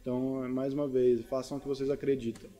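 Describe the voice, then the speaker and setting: A man's voice: mid-range voice, flat delivery, fast talker, over loud music. A man with a Brazilian accent, a stand-up comedian, talking casually and reflectively in an interview.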